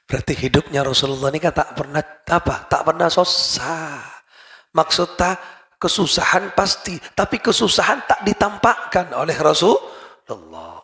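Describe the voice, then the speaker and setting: Lively gravelly-voiced male preacher. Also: on the high side. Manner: lively, animated, swings from loud to soft. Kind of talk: mosque study lecture.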